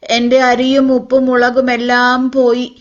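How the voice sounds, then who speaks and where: A woman's voice: high-pitched, completely flat delivery, unhurried, dull audio. A woman voicing a small, frightened poor girl who talks tearfully and pleads.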